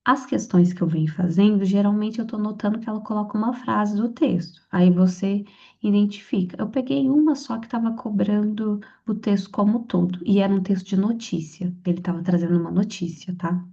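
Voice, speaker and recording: A woman explaining grammar for a civil-service exam in a relaxed, chatty lesson, often checking in with her listener. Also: medium pitch, brisk, creaky. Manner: conversational, frequent "tá?" and "então". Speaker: exam prep tutor. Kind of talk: casual spoken lesson. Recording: slightly dull lo-fi audio.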